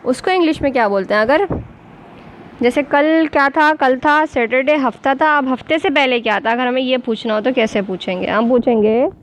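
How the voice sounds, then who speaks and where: A woman with an Urdu accent teaching a basic English lesson to beginners. She speaks slowly and patiently, spelling words out letter by letter. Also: high-pitched, rough recording.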